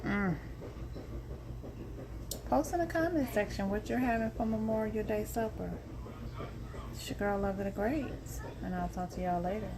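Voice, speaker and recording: A woman's voice: mid-range voice, normal speed, long pauses. Woman vlogger cooking at home, chatting to viewers on a phone camera, mid-range voice, noisy kitchen hum behind. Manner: chatty, keeps calling viewers y'all. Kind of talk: casual cooking demonstration.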